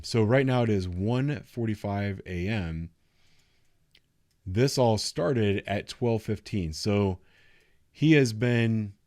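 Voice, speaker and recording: Commenting on police video, this man speaks off the cuff, explaining things plainly and instructively. His voice is fairly low and darkish, recorded dry in studio quality.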